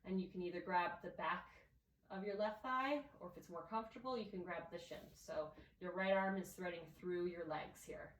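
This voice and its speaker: A woman with a nasal voice from allergies, calmly guiding a yoga class step by step. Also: lowish voice, roomy sound, far from the mic, a little hiss or hum, low-quality recording. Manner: calm, gentle step-by-step cueing. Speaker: yoga instructor. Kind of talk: guided yoga class instruction.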